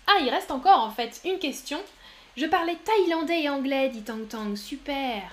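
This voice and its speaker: A woman teaching French on a live stream, reading out viewers' chat answers and praising them warmly. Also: high-pitched, expressive, moderate pace. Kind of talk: live-streamed language lesson.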